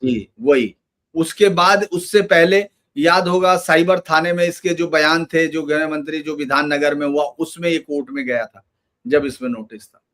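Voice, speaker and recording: A man's voice: fairly high pitch, normal speed, fairly bright tone. A man giving emphatic political commentary in a loose, run-on conversational manner.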